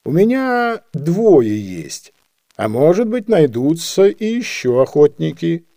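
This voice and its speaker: A man doing a gruff, rude inspector. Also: a little high, very animated, slow, dark tone, no room sound, clean studio sound, pitched above the performer's own voice, exaggerated voice. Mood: curt. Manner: rude, barking. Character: gruff, irritable male school inspector.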